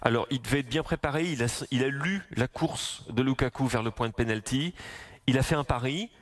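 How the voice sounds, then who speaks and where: A man with a hoarse voice giving football analysis on a radio sports talk show, often hesitating and restarting his sentences. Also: medium pitch, a little fast. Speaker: football pundit.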